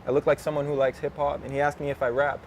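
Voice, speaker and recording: Gravelly young rapper man, laid-back. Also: fairly high pitch, rapid-fire, a little hiss or hum. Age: 20s. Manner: relaxed, slangy, laughs often, drifts off topic. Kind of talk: casual interview chat.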